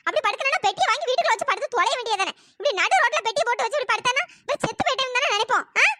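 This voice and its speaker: Here a woman voices a shrill, wailing village mourner, a loud middle-aged woman who shifts from lament into sharp scolding. Her delivery is sing-song and quick, the mood scolding. It's cartoon voice acting on a noisy recording with a pitch-shifted voice.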